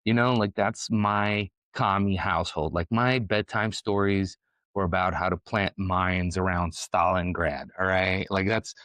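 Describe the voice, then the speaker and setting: Hosting his own podcast, this Ukrainian man in his forties rambles through a casual, opinionated monologue, speaking bluntly and profanely and often starting over. He has a low, steady voice with a fairly bright tone and talks a little slowly. The recording is dry and rough.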